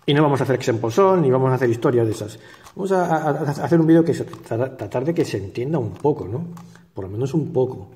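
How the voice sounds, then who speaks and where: Chuckling Spanish man, mellow, reverberant. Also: medium pitch, expressive, fast. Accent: Spain Spanish. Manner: chuckling, sardonic, rambling with many restarts. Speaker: puzzle cube tutorial host. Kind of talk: casual rambling tutorial talk.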